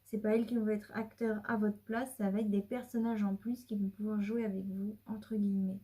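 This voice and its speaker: Husky, mellow-voiced woman reading cards. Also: medium pitch, little pitch movement, brisk. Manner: chatty and rambling, with many restarts; drops to a whisper at times. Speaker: card reader. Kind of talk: casual tarot reading to camera.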